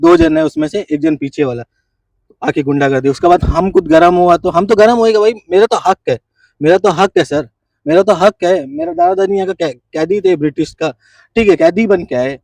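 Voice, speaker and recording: A male street vendor pours out an emphatic, aggrieved complaint to a reporter outdoors. His voice is gravelly, and he stands a little back from the mic. The sound is dry with no room echo. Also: high voice, lively intonation, normal speed, a little mellow, distant mic. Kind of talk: street interview.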